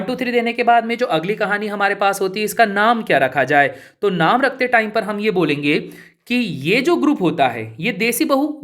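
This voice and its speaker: A man's voice: high-pitched, a bit bright. A man teaching chemistry in a casual, chatty way, asking his students questions and answering them himself. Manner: informal, keeps addressing listeners as brother and buddy. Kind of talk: casual spoken lesson.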